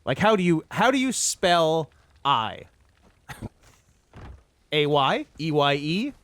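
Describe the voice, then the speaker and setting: A man's voice: on the high side, sing-song, slow, a bit bright. A man in casual comedic banter as a gaming co-host, riffing playfully and stammering into repeated words.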